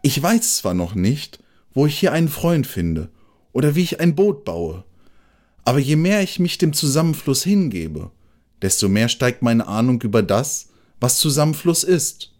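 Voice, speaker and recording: A humble little mole from a storybook speaks in a soft, timid, earnest way, voiced by a man. His voice sits higher than the narrator's and lifts with each wondering thought. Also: big pitch swings, moderate pace, natural voice. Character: gentle earnest male mole seeking a friend.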